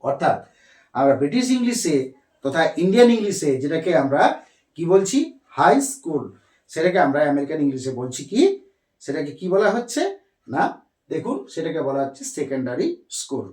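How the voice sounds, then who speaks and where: A man teaching English vocabulary, speaking slowly, repeating himself and spelling words letter by letter. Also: fairly high pitch, big pitch swings, darkish tone. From India. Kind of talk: explaining lesson on a board. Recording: echoey room.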